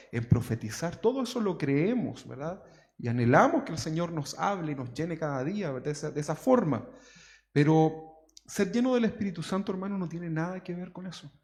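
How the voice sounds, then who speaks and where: His pitch fairly high and his tone darkish, a Chilean pastor delivers a sermon in a conversational style, forever checking in with the congregation through tag questions. The sound carries a long church-hall reverb.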